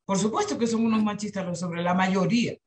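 A woman's voice: mid-range voice, a little fast, darkish tone. A middle-aged woman with a Caribbean Spanish accent answering in an unscripted discussion on a video call, reflective and emphatic, often adding short tag questions. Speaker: invited speaker at a webinar. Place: indoor room on a video call.

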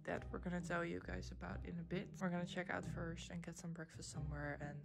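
A woman's voice: on the low side, level tone, quick pace, gravelly. A woman in her twenties with a Dutch accent, talking casually in a ghost-hunting vlog. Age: 20s. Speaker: vlogger. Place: hotel room at night, later inside a car. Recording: music playing over the voice. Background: prominent background music.

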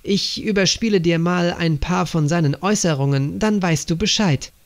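A man's voice: high voice, moderate pace. A man voicing an earnest young woman agent reporting to her father in an audiobook.

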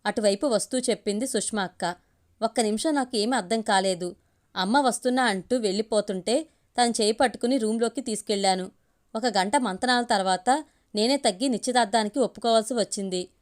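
Higher-pitched woman reading a love story. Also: fairly quick. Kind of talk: reading a love story aloud in first person.

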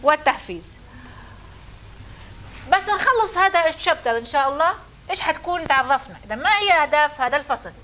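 A woman's voice: sits high, expressive, fast talker, pauses often, pushed and bright, slight background noise. A woman lecturer, teaching a classroom and questioning her students.

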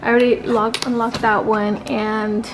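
Chatty woman vlogger, higher voice. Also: level tone, moderate pace, noisy background. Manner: chatty, many fillers like "um" and "like". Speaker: freelance makeup artist. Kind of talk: casual vlog talk.

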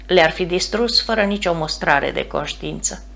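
A woman narrating an audiobook in a steady, measured reading voice. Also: fairly low pitch, creaky. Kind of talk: scripted narration.

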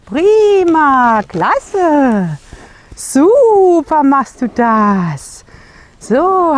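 A woman's voice: mid-range voice, slight background noise. A woman horse trainer coaxing and soothing a horse during groundwork, praising it often and adding brief asides to the viewer. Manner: talks gently to the horse, with short asides to the viewer.

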